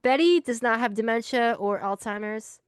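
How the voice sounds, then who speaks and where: A woman's voice: a little high, normal speed, smooth, dry recording, clean studio sound. A woman co-hosting a podcast in casual chat, rambling with many fillers. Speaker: podcast co-host.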